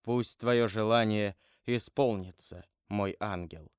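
A man reading an audiobook aloud and voicing a grave, brooding nobleman who speaks in a solemn, measured way. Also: lowish voice, smooth, no echo, studio quality. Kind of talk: audiobook character voice.

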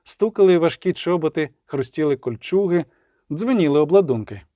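Guy reading an audiobook, slightly high voice, dry close sound. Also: lively intonation, moderate pace, dark tone, dry recording. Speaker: audiobook narrator. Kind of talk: scripted narration.

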